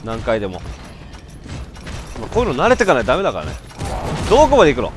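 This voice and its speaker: A man giving casual let's-play commentary, breaking from muttered asides into loud startled outbursts. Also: medium pitch, huge pitch swings, quick pace, a little hiss or hum.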